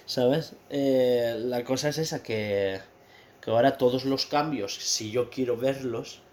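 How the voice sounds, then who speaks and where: Man from Spain, casual chat, mid-pitched voice, easy laughs. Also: slow. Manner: relaxed, explains at length, laughs easily.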